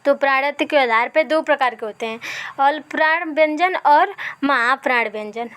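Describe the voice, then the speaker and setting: A woman's voice: sits high, normal speed, fairly bright tone. A woman teacher giving an exam revision lesson. She asks her own questions, answers them, and keeps checking in with "ठीक है".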